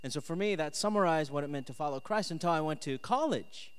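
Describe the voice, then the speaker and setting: Fast and lively, with a fairly high, clear and resonant voice, a man who moved from South Korea to the US at age ten preaches to students. He reads scripture and shares testimony conversationally, frequently tossing in "right?" and "okay?". Long reverb fills the echoey hall.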